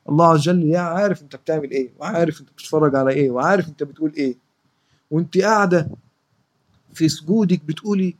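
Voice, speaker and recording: A woman with an Egyptian accent giving a religious lesson to children, emphatic and repetitive, slowing down to recite verses. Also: medium pitch. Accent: Egyptian Arabic.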